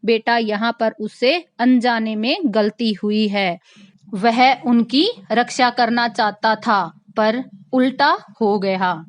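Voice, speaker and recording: Slow, patient Hindi teacher, woman. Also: fairly high pitch, no echo. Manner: slow, explains each line in simpler words, addresses children. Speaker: school teacher. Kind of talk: explaining a textbook story lesson.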